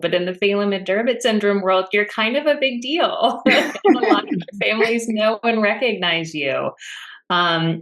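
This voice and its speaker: A woman in her thirties hosts a podcast over a webcam from a room at home, her voice sitting a little low. She introduces guests and asks questions in a friendly, upbeat way. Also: a bit bright. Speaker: podcast host. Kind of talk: podcast interview hosting. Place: home room with framed pictures, indoors. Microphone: video call webcam.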